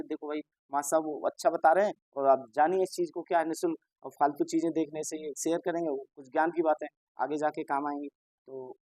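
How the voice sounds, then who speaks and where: A man teaches an exam-prep lesson at an unhurried, patient pace. He keeps repeating reminders and poses questions that he answers himself. The sound is dry, with no room echo. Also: a little high, darkish tone.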